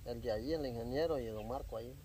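A rural cassava seller in his forties, with a Central American Spanish accent, chats casually and colloquially as an interviewee in a dirt yard beside a fence, repeating phrases for emphasis. His mid-range voice is quick and dark in tone, with noisy rural ambience all around.

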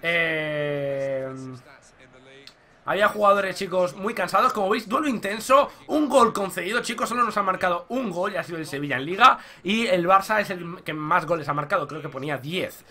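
A young man from commentating his own football video game match, talking to viewers and shouting at goals. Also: high voice, normal speed. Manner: excitable, shouts at goals, addresses viewers as "chicos". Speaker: gaming YouTuber.

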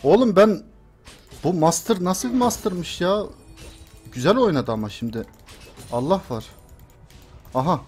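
A young man talking through his own gameplay in a fairly high voice, grumbling under his breath between bursts of panicked yelling. Soft music and keyboard clatter sit faintly behind him. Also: expressive, unhurried, long pauses. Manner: panicky, shrieking when chased, muttering and cursing otherwise. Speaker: gameplay streamer. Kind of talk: live game commentary.

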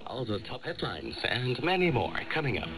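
A man reads scripted news as a radio presenter, his broadcast heard over shortwave from a radio studio. His medium-pitched voice moves at a moderate pace with big pitch swings.

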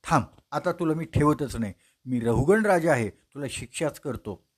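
A man voicing a proud, angry king who shouts scornful commands at his bearers. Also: fairly high pitch, expressive, normal speed, slightly rough. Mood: threatening.

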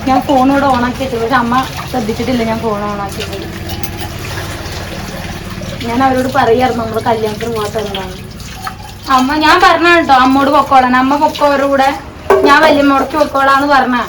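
A woman's voice: sits high, background noise. A young woman chatting casually through a home cooking vlog in her kitchen, rambling and laughing often, recorded on a phone. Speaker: vlogger. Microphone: phone camera.

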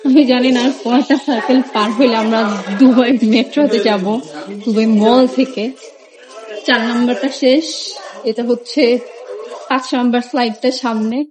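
With a crowd audible behind her, a young woman vlogs her travels from an indoor glass skywalk with moving walkways, her phone held at arm's length. She has a fairly high voice, fairly even intonation, and a normal speaking speed. She chats wryly and teases herself for being lazy.

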